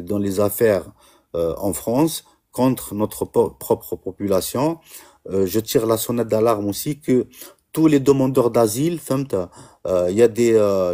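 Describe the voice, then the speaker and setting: Halting Constantine-accented Algerian man. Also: lowish voice, dark tone. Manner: halting, many "euh" fillers, mixing Arabic and French. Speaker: diaspora activist on a live stream. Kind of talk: impassioned live-stream monologue.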